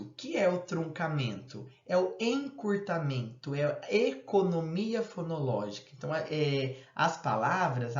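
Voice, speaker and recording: A man giving a recorded lecture, explaining step by step and acting out casual example phrases. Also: fairly high pitch. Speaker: university lecturer. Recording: roomy, dull lo-fi sound.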